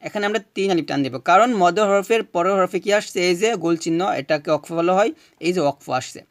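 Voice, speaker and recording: A man teaching Quran recitation, chanting verses slowly and explaining each rule patiently, asking questions and answering them himself. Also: high voice, dry recording, clean studio sound. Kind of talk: recitation lesson.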